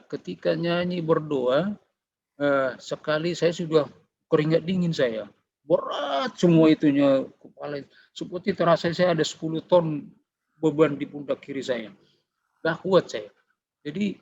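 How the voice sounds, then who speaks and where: A middle-aged man gives a personal faith testimony, telling his story conversationally and acting out the dialogue. His voice is fairly high with a darkish tone, unhurried and full of pauses. The recording sounds dull and slightly muffled.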